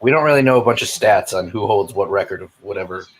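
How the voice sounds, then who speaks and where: A man's voice: lowish voice, quick pace, a little hiss or hum, rough recording. A man playing along as a trivia contestant on a casual podcast, griping sarcastically and mocking himself. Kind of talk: casual chat.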